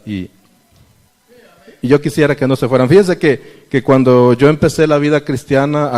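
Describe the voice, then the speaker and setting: A man's voice: medium pitch, a little mellow. Male lay preacher addressing his congregation, reverberant church hall. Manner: preaching with questions to the congregation and scripture readings. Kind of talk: sermon.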